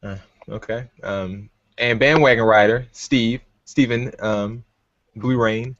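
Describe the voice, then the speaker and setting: A man's voice: mid-range voice, fairly even intonation, slow pace, a bit bright, no echo. Brash, teasing male podcast host. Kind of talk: casual sports talk. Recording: dull lo-fi recording.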